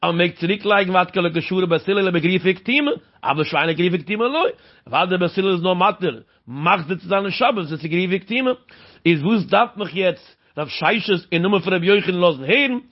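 A man's voice: high voice, a little fast. A man explaining a Talmud passage in a sing-song cadence, asking rhetorical questions along the way. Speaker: Talmud teacher. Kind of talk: Talmud study lecture. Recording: dull lo-fi recording.

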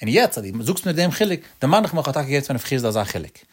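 Casting note: male Talmud teacher, middle-pitched voice, chanting sing-song lecture delivery. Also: big pitch swings, fast, breathy edge. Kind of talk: traditional Talmud study lecture.

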